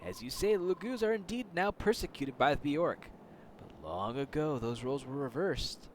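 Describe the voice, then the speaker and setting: A man voicing a calm, cryptic older sea captain, speaking in a measured, formal way with a loosely improvised accent. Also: a little high, a little hiss or hum, voice pushed down, lightly acted. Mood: solemn. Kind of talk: reading game dialogue aloud.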